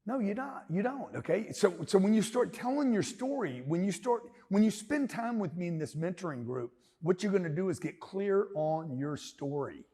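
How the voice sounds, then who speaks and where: A man in his fifties from Louisiana with a Southern accent, giving a loud, emphatic, rambling and jokey seminar talk as a business mentor. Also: high voice, expressive, normal speed, few pauses, breathy edge. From Louisiana, USA. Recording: long hall reverb.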